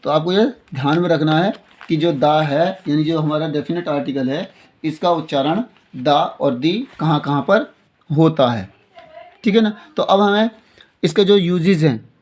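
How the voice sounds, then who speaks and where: A man teaching English grammar in Hindi, explaining slowly, repeating his points and often checking that students follow. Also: on the high side, darkish tone. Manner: slow and repetitive, often asking "theek hai na". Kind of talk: classroom-style lesson explaining in Hindi with English examples.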